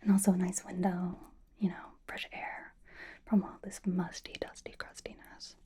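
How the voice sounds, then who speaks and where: A woman speaks almost entirely in a hushed whisper, her tone dark and mellow. She talks straight to the listener, teasing and blunt, like a friend sitting across a library table. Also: lowish voice, flat delivery, normal speed, slightly rough. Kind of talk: whispered roleplay monologue to the listener.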